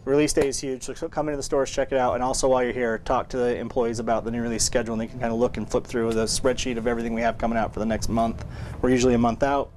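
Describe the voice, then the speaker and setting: A man's voice: mid-range voice, flat delivery, racing, darkish tone, slight background noise. A man hosting a casual weekly store update, talking loosely about new movie releases with fillers and restarts. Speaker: record store host.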